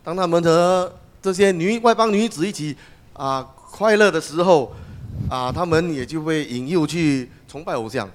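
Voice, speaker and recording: A man's voice: a little high, normal speed. A man interpreting a sermon phrase by phrase, with some hesitations as he goes.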